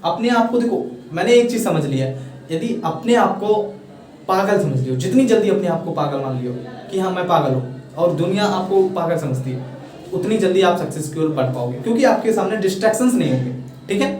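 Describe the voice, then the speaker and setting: High-voiced Hindi-accented teacher, echoey room. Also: male voice, expressive, fairly quick, darkish tone, recorded from a distance. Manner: repeats "thik hai" often, coaxing and encouraging. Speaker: English teacher. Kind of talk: casual classroom explanation.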